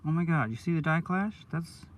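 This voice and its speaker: A man chatting casually on a live stream in his van, rambling and excitable, full of "dude" and "oh my God", sounding stoned. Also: on the high side, a little fast, far from the mic, slight background noise. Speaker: coin roll hunter streaming live.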